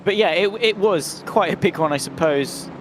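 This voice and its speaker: A man's voice: sits high, normal speed, a little hiss or hum. A man giving casual motorsport commentary as the second voice, wry and dry, feeling his way through sentences hesitantly. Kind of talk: casual race commentary chat.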